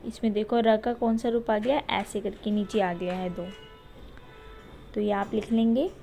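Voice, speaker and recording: Slow, patient woman teacher. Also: medium pitch, steady tone, gravelly, dark tone, faint music behind. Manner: slow, patient, repeats words for pupils. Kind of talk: recorded Hindi grammar lesson for children.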